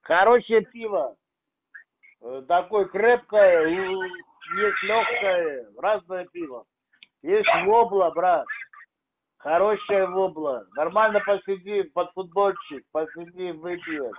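Guy with a high voice goofing around on a prank call, acting clueless, muffled phone sound. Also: takes it slowly, heavy background noise. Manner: playful, stalling, mock-naive.

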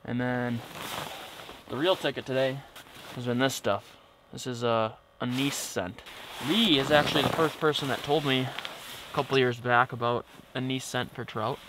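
A chatty young outdoor vlogger narrates casually from a small ice fishing tent on a frozen lake, relaxed but getting excited whenever fish bite. His mid-range voice moves at a moderate pace, picked up close by a camera mic over a noisy background.

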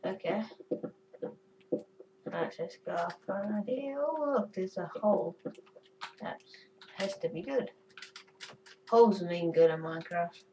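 A woman's voice: mid-range voice, unhurried, pauses often, mellow, recorded from a distance, a little hiss or hum, rough recording. A woman giving chatty, goofy commentary while playing a game, cursing and giggling at her own jokes. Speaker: gamer. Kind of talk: casual gameplay commentary.

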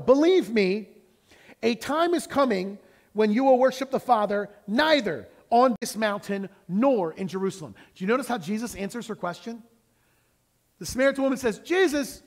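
A man with a high, lively voice preaches to his congregation. He swings up and down in pitch, emphatic and animated, acting out the quotes he reads in a church sanctuary. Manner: plays guitar. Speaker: pastor. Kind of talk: sermon.

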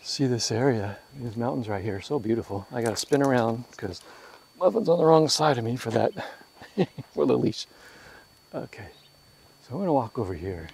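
A man vlogs his road trip, rambling casually with fillers as he drives a mountain road and later walks his dog outside. His medium-pitched voice is creaky and husky at a normal speed, and the recording is noisy with car and road sounds.

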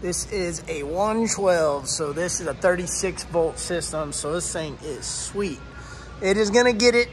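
A man casually filming a first-person walkthrough vlog in a large indoor boat showroom, talking in an excited, exclaiming, chatty way. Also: high-pitched, measured pace, slight background noise. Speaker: fishing vlogger touring a boat.

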